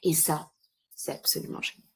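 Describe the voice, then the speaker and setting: A woman in a casual podcast conversation, talking about her work in a lively, chatty way with frequent fillers and laughs. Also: moderate pace. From France. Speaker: founder of an entrepreneur retreat, podcast guest.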